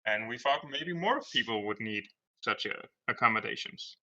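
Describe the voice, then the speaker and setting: A man playing a cautious, accommodating shelter keeper in a tabletop game, speaking haltingly. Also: mid-range voice, expressive, pushed and bright, low-quality recording. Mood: earnest. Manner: halting, hesitant.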